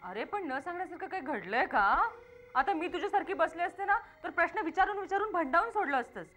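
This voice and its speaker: A lively, high-voiced wife who argues. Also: female voice, a little fast, faint music behind. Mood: nagging. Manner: nagging and playful, turns tearful. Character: chatty, emotional wife who loves to argue. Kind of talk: TV serial acting.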